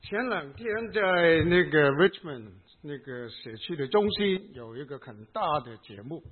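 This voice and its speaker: A pastor with a Hong Kong accent delivers a sermon in short, sing-song phrases, pausing for his interpreter. His voice is somewhat high and husky, and the audio is thin and phone-like.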